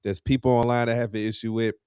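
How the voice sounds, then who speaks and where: A man's voice: medium pitch, little pitch movement, fast, a little mellow, smooth, no echo, studio quality. A man co-hosting a wrestling podcast, talking casually and animatedly, full of slang and fillers, getting heated as he rants. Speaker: podcast co-host.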